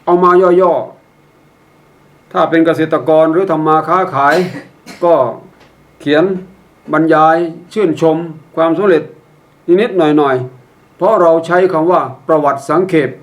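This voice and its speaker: Older thai guy giving a lesson, bit high voice, polite, slips in dry jokes between the how-to steps. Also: slow pace, pauses often. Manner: explains step by step with wry examples and mock quotes; polite, ends phrases with a courteous particle. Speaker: public speaking instructor. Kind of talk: instructional talk.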